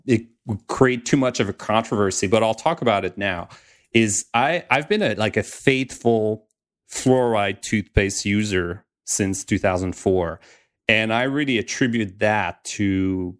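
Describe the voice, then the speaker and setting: A man chatting casually on a podcast, telling rambling personal anecdotes. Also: lowish voice.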